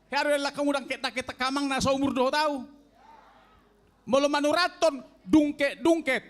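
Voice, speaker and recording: A man in his sixties with a Toba Batak accent, telling a comic story in a slow, drawn-out way to an audience of elders. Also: very high voice, steady tone, a bit bright. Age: 60s. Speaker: elderly stand-up contestant. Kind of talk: stand-up comedy storytelling.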